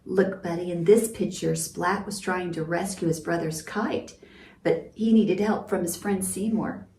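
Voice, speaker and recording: A woman leads storytime for young children, reading a picture book and explaining it in a simple, encouraging, teacherly manner. Her fairly low, warm voice stays steady and a little slow, picked up by a distant mic in a roomy space with faint noise.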